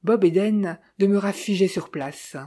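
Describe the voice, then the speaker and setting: Mellow-voiced woman narrating an audiobook. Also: medium pitch, a little slow.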